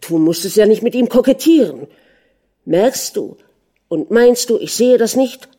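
Storybook: a woman reading a jealous nobleman, ironic and accusing, low and mellow. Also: moderate pace, lightly acted. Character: jealous, irritable nobleman husband.

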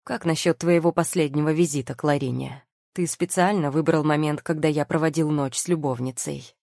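A woman's voice: low-pitched, steady tone, brisk, vocal fry, a little mellow, no room sound, studio quality. A woman reading the lines of an angry, passionate young male lord in an audiobook, speaking hard and firm.

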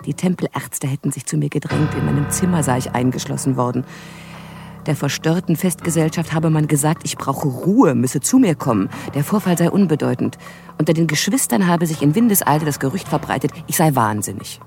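An actress voicing a haunted young prophetess in a radio play, narrating in the first person with intense delivery that sinks into whispers. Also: female voice, sits low, lively intonation, brisk, vocal fry, darkish tone, faint music behind. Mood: brooding.

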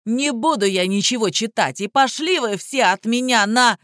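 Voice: mid-range voice, moderate pace, fairly bright tone, no echo, studio quality, natural voice. A reader voicing a scrawny male petty thief in custody, who rants and shrieks at his lawyer. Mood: hysterical. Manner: shrieking, ranting.

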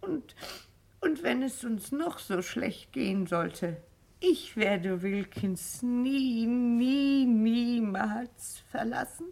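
Dramatic middle-aged wife, giddy and weepy, unhurried delivery, radio play. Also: female voice, a little high, vocal fry, a little mellow, heavily acted. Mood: tearful, tipsy. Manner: theatrical, repeats herself, giggles and sobs. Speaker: Mrs Micawber. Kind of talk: 1950s radio play acting.

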